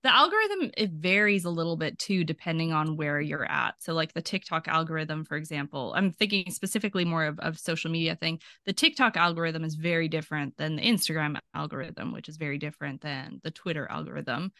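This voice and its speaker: A woman talks as a podcast guest in a lively, chatty way, laughing easily as she goes. Her voice is bright and a little sharp, and it reaches us over a video call. The sound is close and dry, with no room around it. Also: deep voice, brisk, few pauses, dry recording. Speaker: podcast guest, archaeology PhD student. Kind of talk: casual interview chat.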